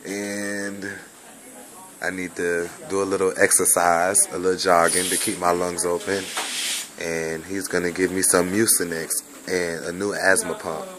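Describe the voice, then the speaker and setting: A man's voice: low voice, level tone, crowd noise. A young man with a mixed Bahamian, Jamaican and American accent, recovering from bronchitis and rambling through a casual video message. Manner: rambling, repetitive, drawn-out. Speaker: vlogger recording a personal message. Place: hospital room.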